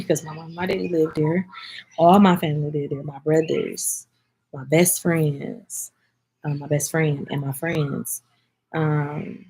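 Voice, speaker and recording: A low-voiced woman opens up to her viewers in a casual vlog. Her voice is husky and gravelly, and she sounds close to tears. She calls her audience "y'all" and speaks straight to them. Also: darkish tone, low-quality recording. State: teary-eyed. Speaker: vlogger answering viewer comments. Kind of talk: casual emotional chat.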